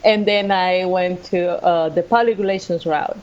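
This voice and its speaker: A native Spanish speaker from Costa Rica, this woman is an assistant professor of sports management appearing as an interview guest. She recounts her own story conversationally in a lowish, darkish voice with a Costa Rican accent, fairly even intonation and normal speed. The audio sounds dull.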